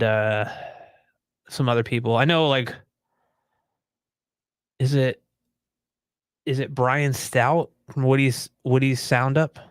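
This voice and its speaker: A man's voice: medium pitch, clean tone, no room sound. A young man co-hosting a podcast live stream, chatting casually in an easygoing, rambling, self-deprecating way. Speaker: podcast co-host.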